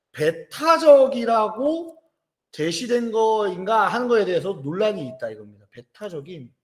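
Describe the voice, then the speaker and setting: A man in his thirties teaching a lecture, telling stories lively, joking with students and acting out voices. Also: high-pitched, roomy sound. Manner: lively storytelling, acts out voices, jokes with students. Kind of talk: animated classroom lecture. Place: classroom.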